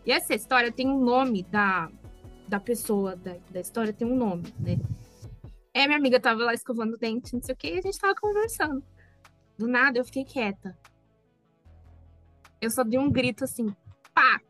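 A Brazilian woman co-hosting a casual podcast, telling a story with animated asides to her friends. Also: fairly high pitch, moderate pace, long pauses, faint music behind. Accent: Brazilian Portuguese. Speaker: podcast co-host.

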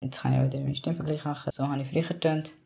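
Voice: mid-range voice, little pitch movement, rapid-fire, creaky, dark tone. A young adult non-binary vlogger, talking candidly in a rambling personal vlog with many fillers. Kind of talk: casual personal vlog monologue.

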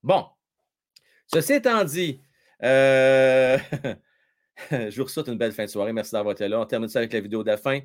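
With a mid-range voice at a moderate pace and long pauses, a Quebec French-accented man runs a laid-back live hockey stream. He's chatty and jokey, leaning on fillers as he reads viewer comments out loud.

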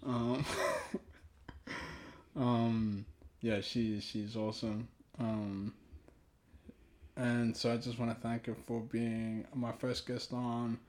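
Hosting a relaxed, reflective podcast chat, a man from Ghana who speaks Twi as his first language talks hesitantly and thoughtfully with trailing pauses. His medium-pitched voice is delivered flat and sounds a little mellow.

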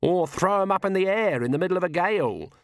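A man voicing a stern, sharp-tongued elderly witch who talks in blunt rural speech. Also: high voice, animated, fast, dry recording, studio quality, pitched above the performer's own voice.

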